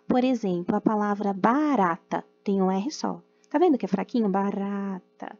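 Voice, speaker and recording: Patient Brazilian woman teacher, slightly high voice. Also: a little mellow. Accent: Brazilian Portuguese. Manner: patient, sounds words out slowly, many diminutives. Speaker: primary school teacher. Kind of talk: recorded remote class for young children. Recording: dull lo-fi audio with faint music.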